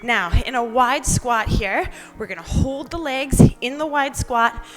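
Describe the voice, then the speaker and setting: High-voiced woman coaching a workout. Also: animated, unhurried, over music, rough recording. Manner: encouraging; exerting herself while talking, exercising along. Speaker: fitness instructor leading a workout. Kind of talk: upbeat workout coaching with counts and cues.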